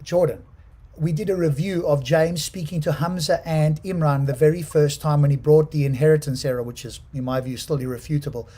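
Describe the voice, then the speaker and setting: A co-host man with a husky voice in a debate, measured and insistent, laying out his reasoning. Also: a little high, steady tone, mellow. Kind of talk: debate discussion.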